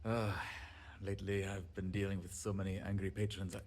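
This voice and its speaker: A man's voice: low voice, flat delivery, darkish tone. A fretful handyman. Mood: nervous, rambling. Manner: rambling, self-deprecating, quick to apologize. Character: fretful, apologetic male colony handyman. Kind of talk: video game dialogue.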